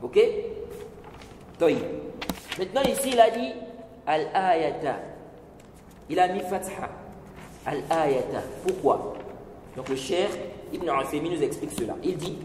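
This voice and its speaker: A man giving a religious lesson, explaining slowly, repeating points and checking with his listeners. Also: fairly high pitch, animated, a little mellow. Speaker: religious teacher. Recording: echoey hall with faint noise.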